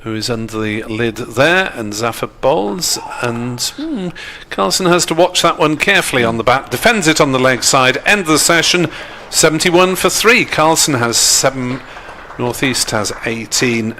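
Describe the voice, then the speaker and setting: A man giving live ball-by-ball cricket commentary in a measured, descriptive way. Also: mid-range voice, animated, pushed and bright, slight background noise.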